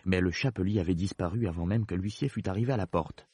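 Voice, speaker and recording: A man narrating a storybook in a measured, storytelling manner. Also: low voice, dark tone, husky, no echo, clean studio sound.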